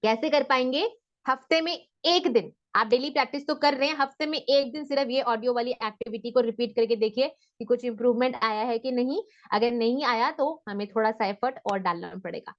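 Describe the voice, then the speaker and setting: Encouraging female speaking coach, higher voice. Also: a little fast, highs cut off. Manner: mixes Hindi and English, encouraging. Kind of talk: online class session.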